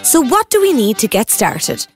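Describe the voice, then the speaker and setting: A woman's voice: on the high side, wildly swooping pitch, moderate pace, faint music behind. A woman presenting an interactive story for young children, encouraging and speaking straight to the child.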